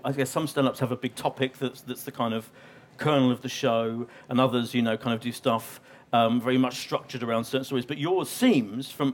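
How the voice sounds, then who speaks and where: Guy hosting a live store event, umming and restarting a lot, ordinary middle voice. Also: medium pitch. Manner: hesitant, lots of ums. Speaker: guest moderator. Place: in front of a live audience in a store.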